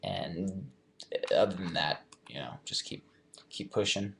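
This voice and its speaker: A man's voice: low-pitched, measured pace. Laid-back young man answering fan questions. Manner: relaxed, thoughtful, reading questions aloud then answering. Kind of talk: casual live chat.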